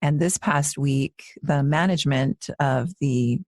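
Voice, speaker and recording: A yoga teacher in her forties co-hosts a casual podcast, speaking earnestly and reflectively with many restarts. Her voice is low, slow and a little mellow, captured in a dry, clean studio recording.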